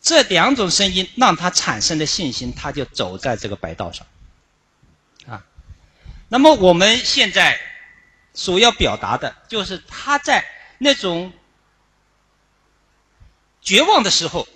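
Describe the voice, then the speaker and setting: A man giving an instructional Dharma talk on chanting, explaining it in a measured way with frequent drawn-out "ah" fillers. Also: sits high, sing-song, bright, forceful tone, husky. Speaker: Buddhist chanting teacher.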